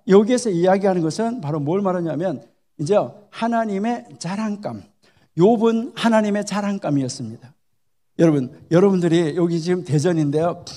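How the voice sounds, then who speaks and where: A man's voice: high-pitched, mellow. A man giving a Bible lecture at a church conference, often posing questions to his listeners and acting out short dialogues. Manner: poses rhetorical questions to the audience; acts out short dialogues in the talk. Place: church hall.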